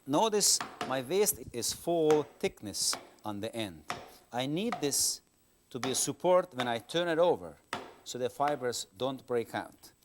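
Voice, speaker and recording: A man calmly walks through a woodworking demonstration with a patient, plain manner and non-native English phrasing. His voice sits at an ordinary middle pitch. The sound comes off a worn videotape copy, with steady tape hiss underneath. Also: unhurried. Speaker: woodworking instructor. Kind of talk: step-by-step instructional demonstration.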